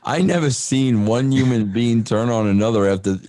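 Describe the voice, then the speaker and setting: A man's voice: medium pitch, moderate pace, mellow, dry recording, studio quality. A man talking in casual chat, rambling and stammering, saying "bro" all the time.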